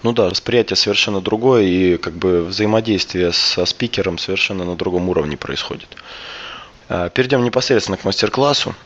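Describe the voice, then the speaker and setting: Male podcast host, lowish gravelly voice roughened by a cold, halting casual talk, muffled recording. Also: a bit bright. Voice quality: gravelly, hoarse voice with throat clearing. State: hoarse from a cold. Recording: dull, lo-fi sound.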